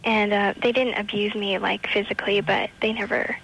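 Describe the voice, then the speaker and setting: A woman's voice: medium pitch, level tone, normal speed, gravelly, a bit bright, dull audio, slight background noise. A woman calling in to a radio show, speaking in a girlish, hesitant way with many fillers. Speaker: caller. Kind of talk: phone call to radio show.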